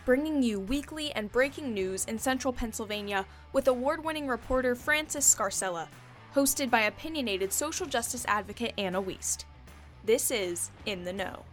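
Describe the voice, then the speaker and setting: A woman's voice: fairly high pitch, moderate pace. A woman reading a scripted show intro in an upbeat promo delivery. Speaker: show announcer. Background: guitar music.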